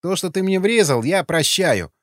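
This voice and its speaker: A man's voice: high-pitched, animated, moderate pace, fairly bright tone, no room sound, studio quality, pitched above the performer's own voice. A man doing a tearful, raised-voice young man. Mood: wry grumbling. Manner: pleading outbursts through tears.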